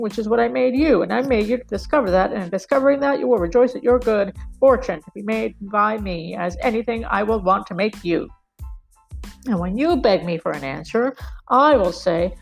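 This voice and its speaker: A bitter, wounded man with a clubbed foot rants feverishly, as a woman reads him aloud, his voice loud, raised and gravelly, racing in bursts. The sound is husky and rough throughout, with faint music underneath. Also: medium pitch, heavily acted, poor audio. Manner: feverish, ranting monologue full of violent images. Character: wounded, club-footed man, bitter and raving.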